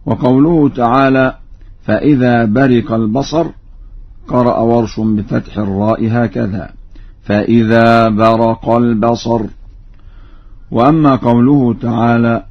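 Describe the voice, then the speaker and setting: Male reciter-teacher, formal radio lesson, measured delivery with slow chanted examples; muffled vintage broadcast sound. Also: mid-range voice. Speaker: Quran reciter explaining reading variants. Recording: dull old radio broadcast recording.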